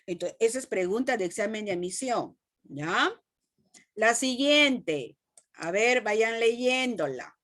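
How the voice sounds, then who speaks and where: A woman with a Peruvian Spanish accent teaching a class, asking the students questions and repeating phrases slowly. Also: fairly high pitch, animated, a bit bright. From Peru. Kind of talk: classroom lesson.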